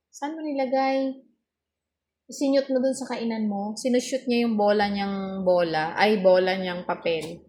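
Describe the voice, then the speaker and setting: A woman's voice: medium pitch, darkish tone, slight background noise. A woman chatting casually in a vlog, teasing and coaxing her pet in playful baby talk while addressing her viewers.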